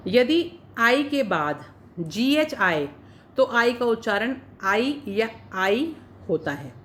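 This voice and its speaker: A woman's voice: fairly high pitch, very animated, slow, a bit bright, slight background noise. A woman teaching an English pronunciation class in Hindi, patiently saying each example word and then its meaning. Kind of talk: spoken English lesson for Hindi speakers.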